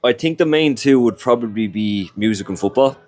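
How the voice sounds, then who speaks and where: A young man from Ireland, a native Irish speaker, chats casually in an interview, rambling and leaning heavily on "you know" and "like." His medium-pitched voice is lively, a little fast and slightly mellow, with soft music in the background.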